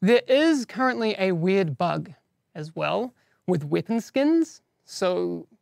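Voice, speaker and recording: A man with a heavily gravelly, fry-laden voice and an accent hosts a live game-news stream. He talks casually to chat in a dry, close-sounding room, slipping in self-deprecating asides between updates. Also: high-pitched, big pitch swings, takes it slowly, a little mellow, dry recording. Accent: non-standard English accent, teased by viewers.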